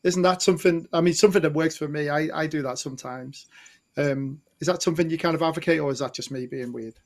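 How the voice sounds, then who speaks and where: A man's voice: on the high side, fast. A man co-hosting a live online chat, asking questions in a joking, tentative way. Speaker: co-host. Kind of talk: casual chat.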